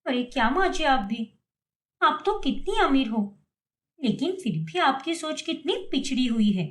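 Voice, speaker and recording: A woman's voice: sits high, animated, measured pace. A woman voicing a cheeky, defiant young daughter-in-law who argues back in a cartoon story. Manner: cheeky, argumentative.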